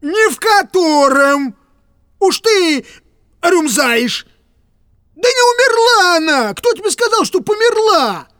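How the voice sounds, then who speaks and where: A woman's voice: high voice, sing-song, unhurried, a bit bright, dry recording, studio quality, full character voice. A woman voicing a fussy, grumbling old male clerk who rambles and stammers in an audiobook reading. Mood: scolding.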